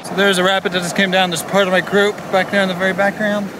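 A man's voice: high voice, level tone, fast, background noise. A man casually narrating a vlog from a kayak on a river, rambling with restarts and fillers. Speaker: vlogger. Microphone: handheld camera.

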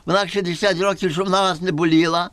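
Man acting a chatty, high-voiced villager of sixty. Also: little pitch movement, quick pace, fairly bright tone, dry recording. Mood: complaining. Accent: Galician western Ukrainian. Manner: garrulous, folksy, repeating himself. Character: chatty sixty-year-old village man giving foolish homely advice. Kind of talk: folk puppet theatre comedy.

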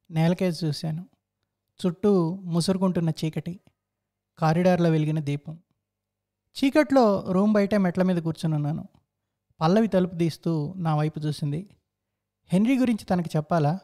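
Mellow-voiced man narrating a reflective story. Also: high-pitched. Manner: reflective, introspective.

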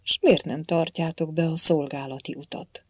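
A woman voicing Christ as a calm, gentle figure who speaks quietly and evenly. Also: low voice, no echo, clean studio sound.

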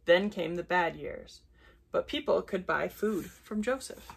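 A woman reading a children's Bible story aloud at bedtime, gentle and unhurried, with brief self-corrections. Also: on the low side, expressive, creaky, slightly rough.

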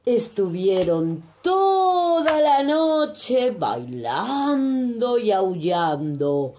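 A woman from reading a children's story aloud in an expressive, animated way. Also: a little high, extremely slow.

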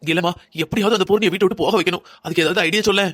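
A woman's voice: lowish voice, steady tone, very fast, lightly acted. A woman voicing an anxious older mother-in-law in a cartoon drama, pleading, lamenting and scolding by turns.

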